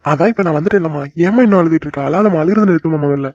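A voice actor playing a gentle young son back home in a cartoon, reassuring his mother and sister. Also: medium pitch, rapid-fire, no room sound, muffled recording, lightly acted. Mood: soothing. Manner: soothing, reassuring. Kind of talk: cartoon voice acting.

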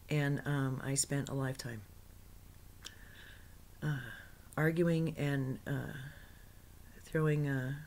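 A woman with a low voice tells of a meditation experience without a script. She stumbles, restarts and often drops to a soft whisper, with easy laughs breaking in. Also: gravelly, a little hiss or hum. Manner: laughs often, excitable in places. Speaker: spiritual author recounting a meditation. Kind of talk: unscripted personal recounting.

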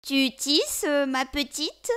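A woman doing a slow, menacing old witch. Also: sits high, sing-song, fairly bright tone, pitched above the performer's own voice, exaggerated voice. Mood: sly. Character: old female witch who eats children.

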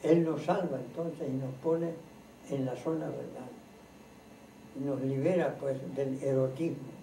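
A man giving an informal spiritual teaching to a gathered group, slow and earnest, repeating and listing points like a preacher. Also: medium pitch, fairly even intonation, gravelly, dark tone, slight background noise. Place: room in a private home. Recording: roomy, distant home recording.

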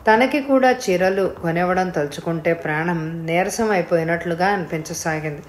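A woman narrating a serialized novel in a calm, even storytelling voice. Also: fairly low pitch, moderate pace, a little hiss or hum. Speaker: audiobook reader.

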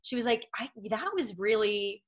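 With a fairly high, lively voice at normal speed, a young actress speaks from her home as a casual interview guest. She's from Massachusetts, has a Boston accent, and wanders through her answers using lots of "um" and "like".

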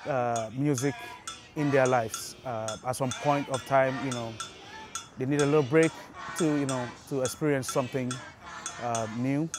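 A middle-aged man with a Ghanaian accent, a drumming and dance teacher speaking in an interview, halting with many fillers. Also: mid-range voice, fairly even intonation. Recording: music playing underneath.

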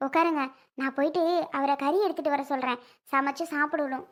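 Brief: a woman doing a gentle young wife, high voice, soft and conciliatory. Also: fairly even intonation, fairly quick, natural voice. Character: young wife, sister of the brother, apologetic.

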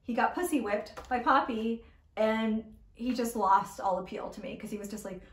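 A woman's voice: fairly high pitch, moderate pace. A woman giving a casual, blunt and opinionated monthly book review, swearing freely as she talks. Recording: roomy echoey room.

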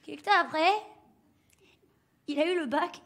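A woman's voice: high-pitched, unhurried, noisy background. A woman comedian playing a crude, boastful working-class mother who rambles with lots of fillers and swearing. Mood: brash. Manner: vulgar, rambling, full of fillers. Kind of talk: stand-up character monologue.

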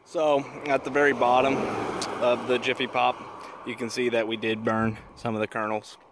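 A young man hosting a casual outdoor cooking demonstration beside a highway, explaining things in an easygoing, joking way. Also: level tone, normal speed. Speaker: vlog host. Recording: noisy outdoor phone recording.

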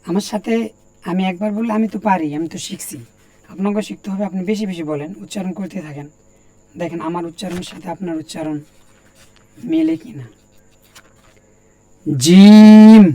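A man teaching Quran letter pronunciation, saying each sound again and again slowly and telling learners to copy him. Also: sits high, a little mellow, dry recording. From Bangladesh. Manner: repeats each letter sound several times, slow and deliberate; talks directly to learners, plain and encouraging. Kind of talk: recorded lesson on Arabic letter pronunciation.

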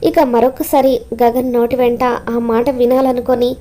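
A woman narrating a recap of a TV serial episode in an even storytelling manner. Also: fairly high pitch, moderate pace.

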